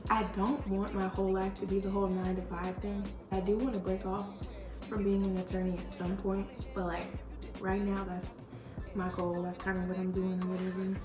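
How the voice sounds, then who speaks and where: Young woman vlogger, chatty and slangy, thinking out loud, echoey room w music playing. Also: mid-range voice, level tone, brisk. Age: young adult. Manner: informal slangy, muses aloud with rhetorical questions. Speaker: YouTuber. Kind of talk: casual chatty Q&A vlog. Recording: roomy echo, music behind.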